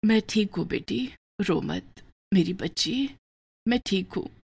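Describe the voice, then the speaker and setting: A woman voicing a poor widowed village mother in a storybook tale. She speaks softly and faintly in a low voice. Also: expressive, normal speed. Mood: weak, tender. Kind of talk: storybook voice acting.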